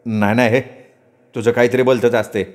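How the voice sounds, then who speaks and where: A man's voice: medium pitch, flat delivery, a little fast, lightly acted. A bitter young farmer grumbles in a plain, everyday voice, voiced by a man narrating a story. He sounds weary and resentful, close to the storyteller's own tone.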